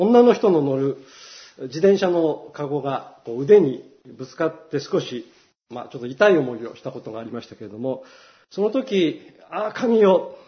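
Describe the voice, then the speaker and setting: Earnest preaching man, slightly high voice. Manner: earnest preaching, swells loud on emphasis. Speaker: pastor. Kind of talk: sermon. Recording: dull lo-fi recording.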